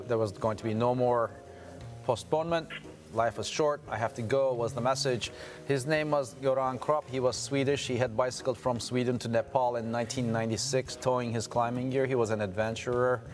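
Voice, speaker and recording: A man from Turkey, a guest in an interview, telling his story in a measured, reflective way. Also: medium pitch, fairly even intonation, faint music behind. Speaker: guest adventurer. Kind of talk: interview answers.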